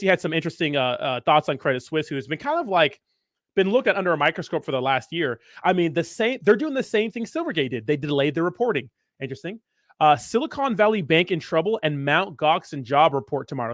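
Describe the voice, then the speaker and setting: A man's voice: a little high, fairly bright tone, no echo, studio quality. A man hosting a casual livestream, talking with hyped frat-bro slang and swagger. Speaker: crypto livestream host.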